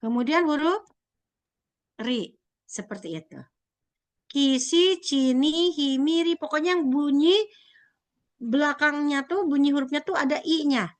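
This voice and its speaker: A young woman with a high voice explains a language lesson at an unhurried pace. She repeats each sound patiently and keeps checking that her students are following along. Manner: slow, repetitive, checks understanding often. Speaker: Japanese language teacher. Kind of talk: recorded classroom lesson.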